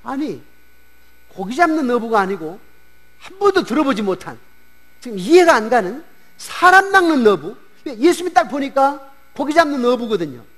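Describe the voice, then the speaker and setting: A male pastor giving a Sunday sermon in a church, preaching in an animated way and acting out the voices of disciples and regional speakers. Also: very high-pitched, moderate pace. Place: church sanctuary.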